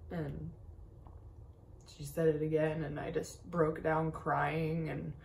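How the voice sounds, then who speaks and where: A woman's voice: low-pitched, level tone, takes it slowly, vocal fry, darkish tone, a little hiss or hum. A young woman from Texas talking candidly through grief in a tearful, shaky voice, swearing often as she rambles. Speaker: vlogger. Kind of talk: personal confessional talk.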